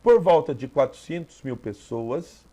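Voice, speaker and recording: In an exam review lesson, a teacher from Brazil walks through the test one step at a time, frequently making sure the listener is following. He has a Brazilian Portuguese accent and a medium-pitched, dark voice, and he sounds animated while keeping an unhurried pace.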